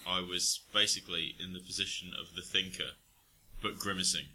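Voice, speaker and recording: A man's voice: low voice, steady tone, brisk, noisy background. A man co-hosting a casual podcast, talking in a rambling, hesitant way with many fillers. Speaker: podcast co-host. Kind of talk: casual chat.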